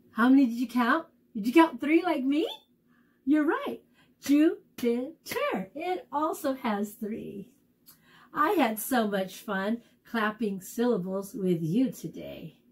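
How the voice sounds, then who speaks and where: A woman teaching young children at circle time, speaking in a slow, encouraging, sing-song way as she sounds out letters and claps syllables. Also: on the high side, a little mellow, breathy edge. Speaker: preschool teacher.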